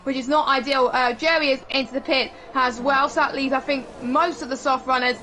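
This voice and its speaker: A woman calls a sim race live with an excitable, exclamation-filled delivery. Her voice sits high and bright, with a sharp edge. A faint hiss runs underneath. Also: fairly quick. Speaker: esports race commentator. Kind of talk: live sim racing commentary.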